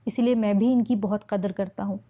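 A woman voicing an earnest young man in an audiobook, calm and reassuring, in her own mellow voice. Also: mid-range voice, brisk, natural voice. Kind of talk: audiobook reading.

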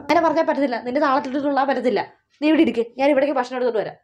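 A woman acting as a nagging middle-aged mother in a comic family skit, scolding with rapid questions. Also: sits high, darkish tone, close to an everyday voice. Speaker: mother of a new mother.

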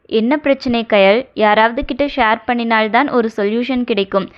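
A woman voicing a caring, older-sister friend who coaxes and gently scolds, read in an audio novel. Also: on the high side, fairly even intonation, normal speed, close to an everyday voice. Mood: coaxing. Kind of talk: audio novel character reading. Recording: dull lo-fi recording.

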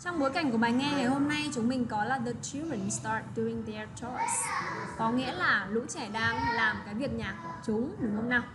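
A woman teaching English words to children, repeating phrases slowly and checking in often with tag questions. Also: fairly high pitch. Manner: patient, slow model pronunciation with tag questions. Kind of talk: English lesson for children, explained in another language. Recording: steady background noise.

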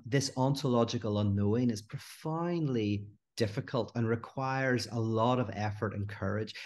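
A middle-aged man, a guest philosopher in an animated podcast conversation who acts out the voices in his anecdotes. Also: mid-range voice.

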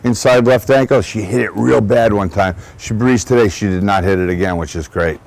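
A man's voice: fairly low pitch, a little fast, creaky, a little mellow, low-quality recording. A man, a racehorse trainer giving a guided barn tour outdoors, chatty and digressive, often restarting his sentences. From Long Island, New York. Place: outdoor horse barn shed row.

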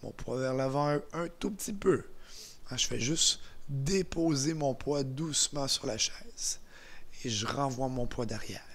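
A man with a Québécois French accent guides a gentle exercise class at an unhurried, deliberate pace. He speaks calmly and encouragingly, and his countdowns drop to a soft hush. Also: medium pitch. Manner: calm, encouraging, counts down softly. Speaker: exercise instructor. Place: indoors beside a chair.

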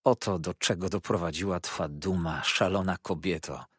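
A man's voice: deep voice, normal speed, husky, dry recording, studio quality. A man voicing a bitter, scarred woman who hurls furious accusations in an audiobook. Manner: accusing, declamatory outbursts.

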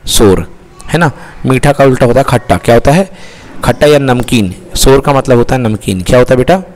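A man's voice: medium pitch, lively intonation, a little fast, a little mellow. A man teaching an English lesson in Hindi mixed with English, who keeps asking questions and answering them himself. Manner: asks questions and answers them himself, calls listeners beta. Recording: long reverb.

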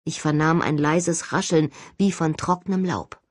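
Husky expressive female audiobook narrator. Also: deep voice, a little slow, no room sound, clean studio sound. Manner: expressive, dramatic reading. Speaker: audiobook reader. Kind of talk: first-person scripted narration.

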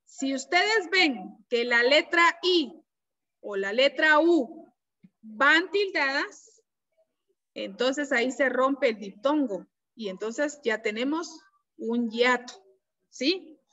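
A woman teacher giving an online class, explaining slowly and patiently and checking often that her students follow. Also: high-pitched, expressive, bright, forceful tone. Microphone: computer mic on a video call. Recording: dull, lo-fi video-call audio.

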